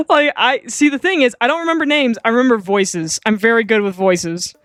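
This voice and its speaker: A woman's voice: a little high, expressive, normal speed, a bit bright, dry recording, clean studio sound. A woman streaming a game, chatting in a rambling, giggly way and swearing freely. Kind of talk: live-stream game commentary.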